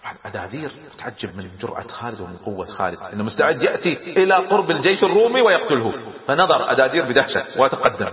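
A man telling a historical story in a lively, dramatic way, often chuckling. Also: mid-range voice, racing. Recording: echoey hall, dull lo-fi sound.

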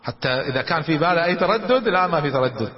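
A man telling religious history as a lecture, dramatic and animated. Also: a little high, very fast. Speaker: religious storyteller. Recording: dull recording with long reverb.

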